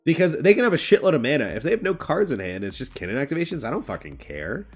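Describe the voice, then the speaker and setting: Animated, blunt man arguing game strategy. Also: on the high side, quick pace, breathy edge, faint music behind. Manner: emphatic, blunt, swears freely. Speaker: podcast co-host. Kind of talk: casual strategy discussion. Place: home room. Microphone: video call.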